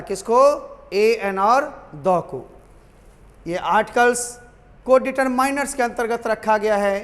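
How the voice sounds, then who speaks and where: A man's voice: high voice, a bit bright, big-room sound. A man teaching a grammar lesson to students, repeating key points and calling them his children.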